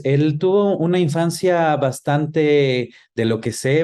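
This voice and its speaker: Thoughtful and a bit hesitant, a middle-aged man who writes screenplays and makes films responds to an interviewer, often tacking on small checking tags. The voice is mid-pitched and dark-toned.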